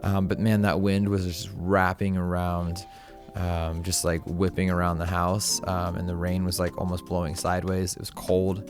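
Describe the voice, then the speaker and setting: A man's voice: deep voice, completely flat delivery, moderate pace, music in the background. A man narrating his vlog in voice-over, rambling, with many fillers and restarts. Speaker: vlog host.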